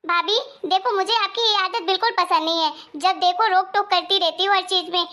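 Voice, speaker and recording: A woman's voice: very high voice, steady tone, fairly quick, pushed and bright. A woman voicing a quarrelsome young married daughter who complains and scolds, in a Hindi moral story cartoon. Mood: scolding.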